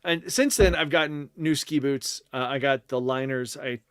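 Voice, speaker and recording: A man's voice: medium pitch, normal speed, clear, resonant tone, no echo, studio quality. A man co-hosting a podcast, chatting casually and explaining things at length with lots of fillers and restarts. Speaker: podcast co-host. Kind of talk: casual chat.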